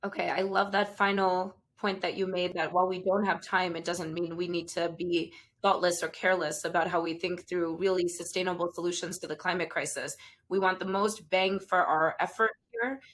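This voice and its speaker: A woman's voice: on the low side, steady tone, normal speed. A woman host earnestly wrapping up an interview and thanking her guest. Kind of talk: interview wrap-up.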